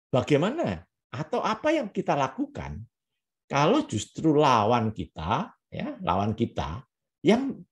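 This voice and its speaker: A man's voice: lowish voice, a little mellow. A man with an Indonesian accent explaining a negotiation tactic in a lesson, repeating key phrases and acting out surprised exclamations. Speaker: negotiation trainer.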